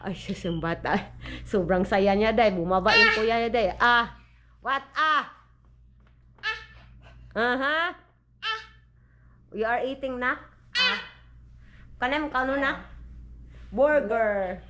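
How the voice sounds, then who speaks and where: Filipino mom vlogger, Visayan accent, high bright voice, unhurried chat at home with a soft hiss behind. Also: female voice. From Philippines. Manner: chatty, mixes languages, coos at the baby. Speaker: vlogger and mother. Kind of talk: casual home vlog chat. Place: family home indoors.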